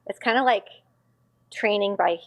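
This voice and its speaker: In a casual podcast interview, a Connecticut woman in her fifties who works as a school psychologist chats loosely, wandering off and fixing her own words as she goes. Her mid-range voice is unhurried.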